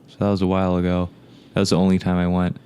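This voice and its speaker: A man's voice: deep voice, completely flat delivery, rapid-fire, darkish tone, clean tone. A young man chatting casually on a gaming talk show, filling his speech with "like". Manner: filler-heavy, lots of "like". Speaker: show co-host. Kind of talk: casual chat.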